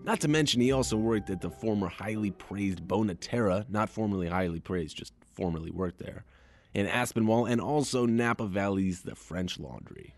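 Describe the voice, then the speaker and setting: A man's voice: lowish voice, expressive, normal speed, darkish tone, soft background music. A man hosting a podcast, reading scripted narration in a wry, conversational way. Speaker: podcast host.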